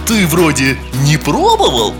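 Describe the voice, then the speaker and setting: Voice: medium pitch, wildly swooping pitch, unhurried, over music. An actor playing a kindly, caring chef who loves food, speaking affectionately in a children's audio story. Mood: fond, dreamy.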